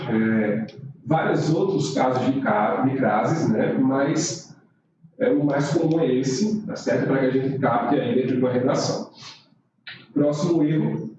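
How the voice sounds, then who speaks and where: A male teacher explains writing errors step by step, checking in often with "tá?". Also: a little high. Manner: explanatory, frequent "tá?" check-ins. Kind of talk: online writing lesson. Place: room, recorded live stream. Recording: roomy, distant, dull mic with noise.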